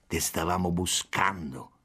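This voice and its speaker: A man's voice: mid-range voice, expressive, takes it slowly. A man voicing a drunk, mocking policeman who taunts and mixes Spanish into his speech. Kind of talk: audiobook character voice.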